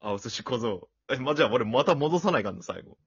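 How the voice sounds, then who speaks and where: A man co-hosting a casual podcast chat, teasing his partner with quick retorts and frequent laughter. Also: mid-range voice, lively intonation, breathy edge, no echo, dull audio. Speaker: podcast co-host.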